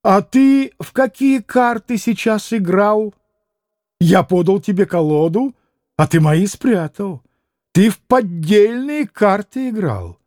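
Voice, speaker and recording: A man reading a shrewd middle-aged innkeeper who talks in a rough, accusing, bossy way. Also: high voice, expressive, takes it slowly, darkish tone, no echo, studio quality, voice pushed up.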